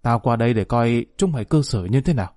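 A man's voice: medium pitch, lively intonation, fast talker, warm tone, dry recording, clean studio sound, close to an everyday voice. A man voicing a stern old male war veteran in an audio story, blunt and scolding, his voice raised above his narration.

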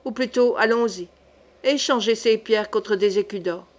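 A woman reading a gruff, blustering middle-aged male captain in an audiobook, grumbling and swearing. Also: mid-range voice, moderate pace, natural voice.

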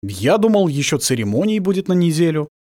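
A man's voice: on the high side, big pitch swings, a little fast, dark tone, no room sound, studio quality, voice pushed up. A male audiobook reader voicing a stunned, earnest young man pressing urgent questions. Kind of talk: audiobook character voice.

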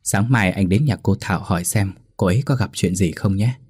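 A man voicing a calm middle-aged husband who speaks tersely and soothingly. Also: deep voice, fairly quick, slightly rough, dry recording.

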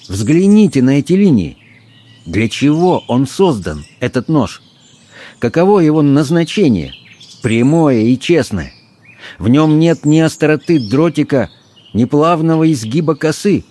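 A thoughtful, gentle priest speaks earnestly in this audiobook, as a male narrator puts him on. His voice sits higher than the narration and carries a mellow, dark warmth. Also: very animated, unhurried. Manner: earnest, explaining.

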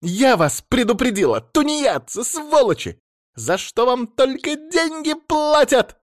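Man voicing a shrill agitated woman caller. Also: animated, no room sound, studio quality, close to an everyday voice. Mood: furious, shrill. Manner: fast, pleading then furious.

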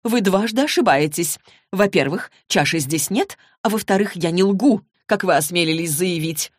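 A woman voicing an imperious fortune-teller who speaks slowly and indignantly. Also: fairly low pitch, animated, no room sound, clean studio sound. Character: imperious middle-aged female fortune-teller. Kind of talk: audiobook character reading.

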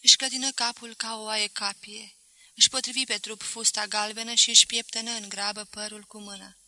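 A woman narrating a novel as an audiobook reader, in a measured, expressive way. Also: mid-range voice, no echo, low-quality recording. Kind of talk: scripted narration.

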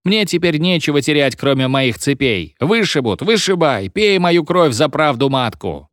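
A man's voice: fairly high pitch, very animated, normal speed, fairly bright tone, no room sound, studio quality, pitched above the performer's own voice. A man voicing a whiny, defiant young student ranting at his teacher. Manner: whining, then defiantly ranting. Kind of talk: audiobook reading.

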